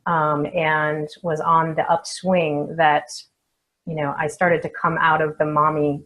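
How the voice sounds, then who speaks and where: A woman, a feng shui expert and coach, answering interview questions in an unhurried, reflective way with many soft fillers. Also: deep voice, little pitch movement, low-quality recording.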